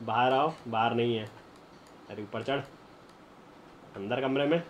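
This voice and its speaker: A young man streaming a game live, chatting to viewers and breaking into excited shouts and laughter. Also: medium pitch, measured pace, a little hiss or hum. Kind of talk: live gameplay commentary.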